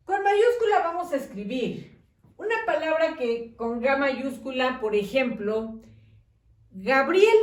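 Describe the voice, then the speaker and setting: A patient woman teacher dictates words slowly to young children, sounding them out syllable by syllable. Her fairly high voice rises and falls a lot. She is recorded from a distance in an echoey room. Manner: patient, slow, syllable-by-syllable dictation with check-in questions. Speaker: primary school teacher. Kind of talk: slow handwriting lesson for young children.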